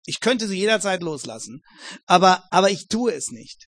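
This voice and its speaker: A man's voice: sits high, big pitch swings, moderate pace, a bit bright, no echo, clean studio sound. A man preaching a Bible exposition sermon, earnest, addressing his listeners formally and building emphatic repetitions.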